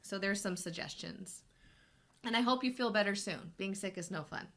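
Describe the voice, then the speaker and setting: In a mid-range, fairly bright voice at normal speed, a woman hosts a laid-back live question-and-answer chat as a health coach. Her talk wanders with many restarts, and her voice is still recovering from being ill.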